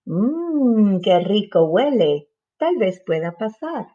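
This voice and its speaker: A woman's voice: medium pitch, very animated, takes it slowly, warm tone. A woman voicing a friendly male badger in a storybook reading who sniffs and invites others to share. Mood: cheerful. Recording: slightly dull lo-fi recording.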